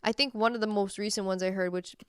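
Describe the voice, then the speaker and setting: A woman's voice: mid-range voice, steady tone, quick pace, clean tone, no echo, studio quality. A woman co-hosting a podcast in casual chat, talking in a rambling way and laughing often. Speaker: podcast co-host. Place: Massachusetts.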